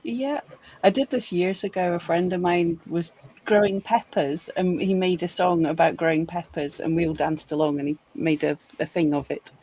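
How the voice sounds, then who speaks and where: A Scottish woman co-hosts a live webinar with a lowish, husky voice. She chats casually, tosses in quick asides and laughs easily. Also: dark tone, rough recording. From Scotland. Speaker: webinar co-host.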